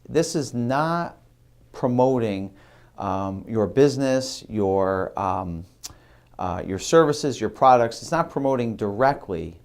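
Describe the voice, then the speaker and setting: A middle-aged man giving an instructional video lecture on marketing, halting often with ums and uhs and restarting phrases. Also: fairly low pitch, darkish tone.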